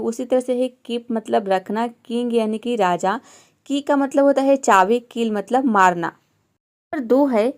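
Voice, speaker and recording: A woman's voice: on the high side, a little mellow. A woman teaching an English pronunciation lesson step by step, patiently explaining each letter and asking rhetorical questions to her students.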